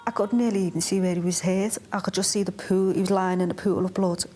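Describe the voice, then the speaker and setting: Flat, quiet mother. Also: medium pitch. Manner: quiet, halting, disbelieving. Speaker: interviewee, mother. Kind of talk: documentary interview recollection. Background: soft music score.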